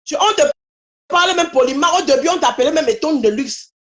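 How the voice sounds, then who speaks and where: A woman's voice: sits high, animated, brisk, fairly bright tone. A woman appearing as a guest on a live stream, lecturing and scolding someone while repeating her points. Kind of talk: heated live stream commentary.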